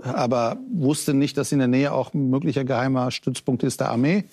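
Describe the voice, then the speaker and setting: A man's voice: mid-range voice, fairly quick, darkish tone, no room sound, clean studio sound. A man from Iran, a political guest on a talk show, laying out points hesitantly with many fillers.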